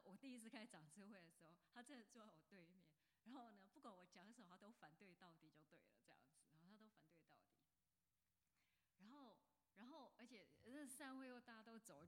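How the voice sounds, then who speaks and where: A woman in her fifties, a pastor giving a chatty sermon that often asks the congregation questions. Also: mid-range voice. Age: 50s. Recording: long hall reverb.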